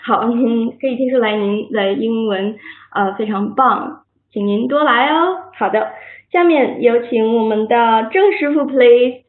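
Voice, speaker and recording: A woman with a fairly high, slightly slow voice leads an English vocabulary lesson by video call, drilling words by having them repeated and offering her students praise and encouragement. The audio comes through a tinny, phone-like line in an echoey room.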